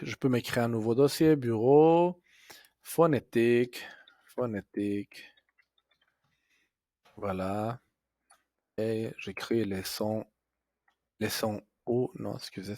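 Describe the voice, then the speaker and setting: A man teaching a software tutorial step by step, pausing and correcting himself as he goes. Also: on the low side, no echo, studio quality. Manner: slow, step-by-step explaining with fillers and self-corrections.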